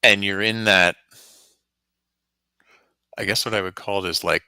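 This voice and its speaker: A man giving a calm, reflective intuitive reading in easy conversation, laughing now and then. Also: fairly low pitch, measured pace, clean tone, dry recording, low-quality recording. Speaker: spiritual reader guest.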